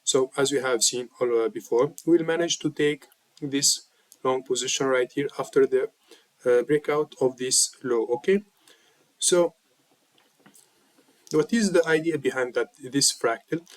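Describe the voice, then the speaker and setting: A man's voice: mid-range voice, a little slow, long pauses, dry recording, poor audio. A man with a slightly sick voice, walking viewers through a trading chart lesson and checking in with a repeated "okay?". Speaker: trading mentor.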